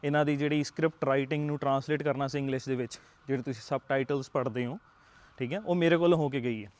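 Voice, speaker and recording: A man's voice: mid-range voice, steady tone, fast talker, darkish tone. A young man with a Punjabi accent, an IELTS tutor giving earnest, coaxing advice to camera. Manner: earnest, coaxing, checks in with rhetorical tags. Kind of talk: motivational talk to camera.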